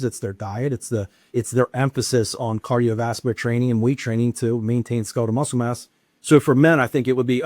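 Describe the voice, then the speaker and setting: A man's voice: mid-range voice, a little mellow, dry recording, clean studio sound. A man with a Southern American accent, a guest answering interview questions in a talkative way with frequent restarts. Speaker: guest, wellness expert.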